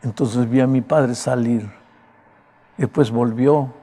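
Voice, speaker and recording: Man preaching in a cracked raspy voice. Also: medium pitch, fairly even intonation, slow pace, dark tone. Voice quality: broken, raspy voice. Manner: emphatic, conversational preaching. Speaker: pastor. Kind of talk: sermon.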